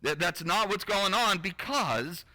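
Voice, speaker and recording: Bright, high-voiced preacher. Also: male voice, expressive, unhurried, low-quality recording. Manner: conversational, wry asides to the congregation; reads scripture aloud, then explains it. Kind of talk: sermon.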